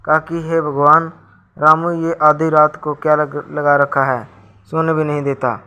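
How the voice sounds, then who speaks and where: A man's voice: fairly high pitch, flat delivery, a little slow, bright, forceful tone, smooth, highs cut off. A man voicing a shrewd old village woman who scolds and complains. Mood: complaining.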